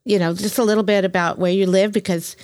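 A woman's voice: medium pitch, steady tone, fast talker, darkish tone. A woman hosting a podcast interview, chatty and enthusiastic, often laughing as she talks. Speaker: podcast host. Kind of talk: casual interview.

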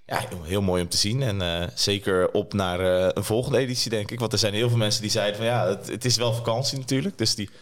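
A Dutch man with a very low voice joins a casual podcast conversation. He talks haltingly and fills his pauses with many hesitations.

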